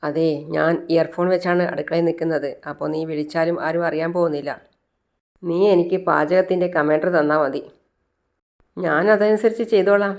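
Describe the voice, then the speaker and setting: Woman as a sheepish young man, low pitch, soft hushed voice, pleading. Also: steady tone, moderate pace.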